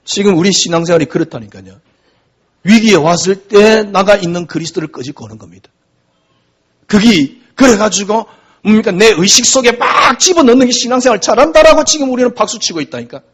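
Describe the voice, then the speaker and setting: A man preaching a sermon, talking to the congregation in a conversational way and asking many rhetorical questions. His voice sits high and swings widely in pitch, with a husky edge. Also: animated, fairly quick. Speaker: pastor.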